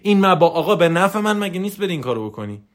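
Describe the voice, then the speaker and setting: A man's voice: high voice, big pitch swings. A man giving a motivational coaching talk in a voice message, emphatic and preachy, hammering points home through repetition.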